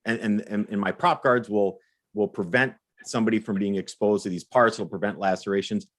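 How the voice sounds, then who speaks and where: A man with a fairly low voice co-hosts a live Q&A and walks viewers through the rules. He explains things methodically and often stumbles over a repeated word before getting his point out. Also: steady tone, fairly quick, fairly bright tone. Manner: explanatory, repeats words when restarting. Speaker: co-host.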